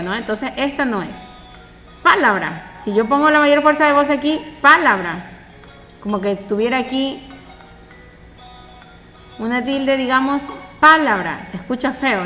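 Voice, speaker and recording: Bright-voiced woman teaching in a reverberant room. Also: high-pitched. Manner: patient, checks understanding with frequent tag questions; stresses syllables loudly to demonstrate. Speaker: primary school teacher. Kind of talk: recorded online lesson.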